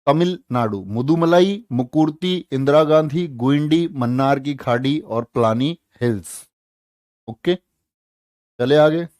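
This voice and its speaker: A man's voice: on the high side, takes it slowly, darkish tone, no room sound, studio quality. A man teaching an exam-prep lesson, asking his students questions and then answering them himself. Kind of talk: animated classroom lecture with memory tricks.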